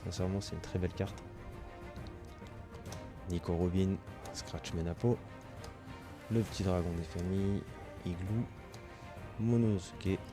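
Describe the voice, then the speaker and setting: A man's voice: low-pitched, steady tone, unhurried, pauses often, over music. A man hosting his own channel, opening trading card packs in casual commentary, reading off card names and gushing with delight over his pulls.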